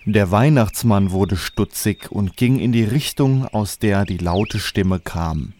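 A man's voice: fairly low pitch, slow pace, a little mellow, slight background noise. A man narrating a comic fairy-tale radio play in a storytelling manner.

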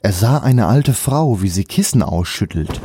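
Male narrator, warm dark tone, lowish, faint hiss. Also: animated, a little slow. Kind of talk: scripted storybook narration.

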